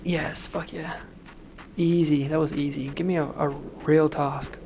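A man commentating gameplay, swearing constantly and shouting at sudden deaths in a noisy home recording. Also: on the high side, little pitch movement, unhurried. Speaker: let's play gamer.

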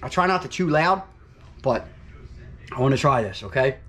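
A man's voice: mid-range voice, lively intonation, moderate pace, a bit bright, a little hiss or hum. A middle-aged man from New Jersey, a fishing vlogger chatting upbeat to his viewers while he cooks. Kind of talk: casual cooking vlog.

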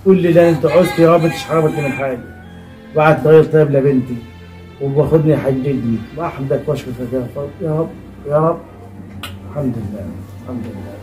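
A man's voice: a little high, racing, dark tone, soft background music, close to an everyday voice. A man with an Egyptian Arabic accent playing a pious blind old father who is betrayed, pleading and praying in an amateur drama skit. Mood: prayerful. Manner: pleading, prayerful, lamenting.

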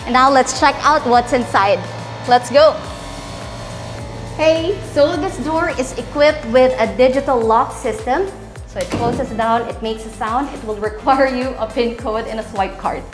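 Upbeat high-voiced woman giving a house tour. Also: measured pace, soft background music. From Philippines. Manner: upbeat, salesy, addresses viewers as guys. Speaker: real estate tour host. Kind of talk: walking house tour presentation. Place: large empty townhouse interior, indoors. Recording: roomy echo from bare rooms.

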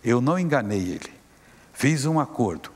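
A man's voice: mid-range voice, expressive, normal speed, a little mellow, husky, long reverb tail. A preacher voicing a lying, boastful male demon spirit that speaks defiantly and mocks. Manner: defiant, mocking, scornful.

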